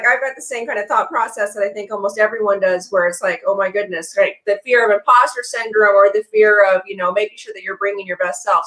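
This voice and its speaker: A woman's voice: on the high side, fairly bright tone, rough recording. Casting note: woman guest, motivational speaker, upbeat and polished, heard over a video call. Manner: upbeat, polished self-help phrasing. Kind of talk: casual interview chat.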